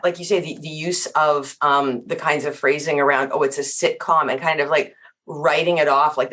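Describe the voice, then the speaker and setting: A middle-aged woman, a guest on a casual podcast discussion, animated and emphatic, with many fillers and restarts. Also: deep voice.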